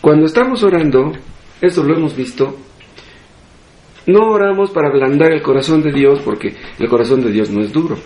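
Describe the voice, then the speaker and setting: A man's voice: fairly high pitch, expressive, a little fast, darkish tone, roomy sound. A man with a Mexican Spanish accent preaching a sermon as pastor, asking rhetorical questions and repeating phrases for emphasis. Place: church hall.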